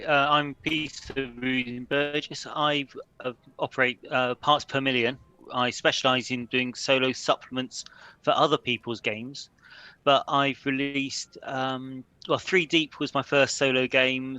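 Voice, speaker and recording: A British man introducing himself casually as a panel guest, pausing often mid-sentence. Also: medium pitch, sharp tone, clear, resonant tone, dry recording. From UK, living in Shetland. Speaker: solo game supplement writer, panel guest.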